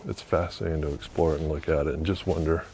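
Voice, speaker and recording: A man vlogging as he walks outdoors beside a river under an old bridge, musing quietly and thinking aloud with fillers. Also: a bass voice, fairly even intonation, quick pace, a little hiss or hum. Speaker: vlogger exploring historic sites. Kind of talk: casual walking narration.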